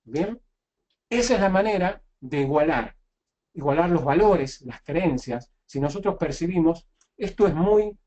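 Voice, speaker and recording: A man's voice: a little high, expressive, measured pace, dark tone, lo-fi sound. A man giving a spoken lesson on sales technique. He explains step by step, restarts his phrases often and keeps checking in with the listener. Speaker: sales trainer.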